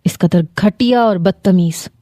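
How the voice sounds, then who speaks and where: A stern, protective middle-aged father scolds in a storybook reading, voiced by a woman. The tone is warm and mellow and the sound is close and dry. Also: medium pitch, no echo, lightly acted. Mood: angry.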